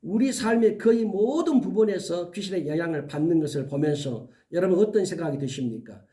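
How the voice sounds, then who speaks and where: A male pastor preaching an earnest sermon, giving emphatic warnings and slowly listing items one by one. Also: sits high, expressive, mellow, recorded from a distance.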